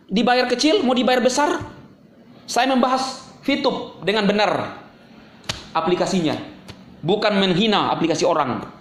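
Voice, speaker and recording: High-voiced man ranting in an echoey room. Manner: scolding, sarcastic, confrontational. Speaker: YouTube channel host. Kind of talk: angry ranting monologue to camera.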